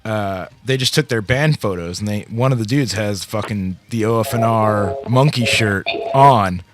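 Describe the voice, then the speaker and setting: A man's voice: lowish voice, normal speed, dry recording. A man hosting a radio show in casual chat, talking in a heavily profane, slangy music-fan way.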